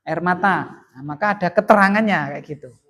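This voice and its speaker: A man teaching Arabic grammar in a classroom, quizzing students with lively rising and falling emphasis. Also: high voice, fairly quick. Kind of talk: classroom lesson with call and response.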